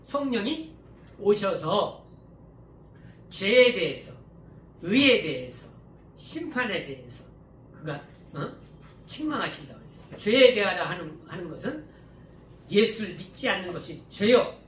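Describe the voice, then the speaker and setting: A male pastor giving a sermon in a conversational style, often asking the congregation to agree and sometimes breaking into louder passages. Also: high-pitched, sing-song, measured pace, pauses often. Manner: conversational preaching, often asks listeners to agree; many fillers and restarts, sudden rises in volume. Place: church hall. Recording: echoey room, mic at a distance, faint background hum.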